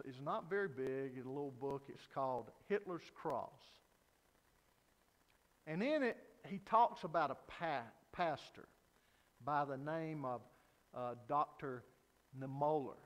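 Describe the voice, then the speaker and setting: A man's voice: fairly high pitch, animated, measured pace, long reverb tail. A man preaching an evening sermon at a pulpit microphone, telling a story earnestly with frequent hesitant fillers. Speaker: pastor.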